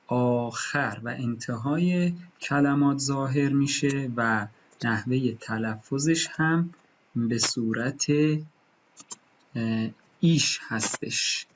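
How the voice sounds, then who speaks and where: A man teaching German pronunciation, patiently repeating each example word slowly. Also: medium pitch, dull audio, a little hiss or hum. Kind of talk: pronunciation lesson.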